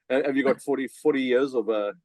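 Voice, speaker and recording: A middle-aged South African man, a business coach guesting on a podcast, chats energetically in a casual interview, full of fillers and restarts. His mid-range voice is a little mellow and moves at normal speed, recorded dry.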